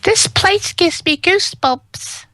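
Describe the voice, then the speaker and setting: Woman doing boyish Luke Triton, high and earnest. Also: expressive, takes it slowly, dry recording, heavily acted, low-quality recording. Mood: nervous. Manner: boyish put-on voice. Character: Luke, eager, nervous young boy apprentice to a professor. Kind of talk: amateur voice-over of video game dialogue. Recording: loud game music behind.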